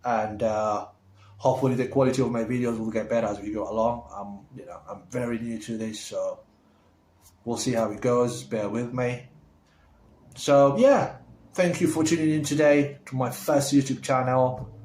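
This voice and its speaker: A man of middle pitch, born in Somalia, chatting straight to camera in a loose, rambling way full of fillers and restarts. He sounds keen and upbeat when he heaps praise on someone. His voice rings around a roomy, echoey space. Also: steady tone, moderate pace, darkish tone, a little hiss or hum. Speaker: vlogger. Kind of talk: casual chat to camera. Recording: roomy echo.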